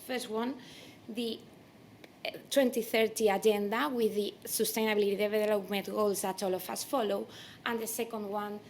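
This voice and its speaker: A woman's voice: mid-range voice, darkish tone, a little hiss or hum. A woman from Spain with a Spanish accent gives a conference keynote as a native Spanish speaker. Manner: non-native English with Spanish phrasing. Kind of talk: conference presentation.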